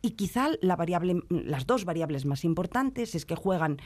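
A woman's voice: lowish voice, expressive, normal speed, darkish tone. A woman, a language teacher guest on a radio chat, explaining things and laughing often.

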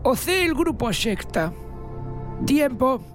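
A high, theatrical voice with a Spanish accent from Spain , put on by a performer as a zany quiz professor. Announcements are mock-grand and silly, as on a comic radio game show, with music clearly behind. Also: very animated, slow pace, exaggerated voice. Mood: mock-grand announcing. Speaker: quiz segment presenter.

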